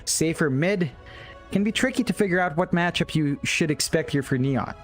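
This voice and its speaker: A man casting an esports match, giving quick analytical draft commentary with stammered restarts. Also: a little high, faint music behind. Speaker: esports caster.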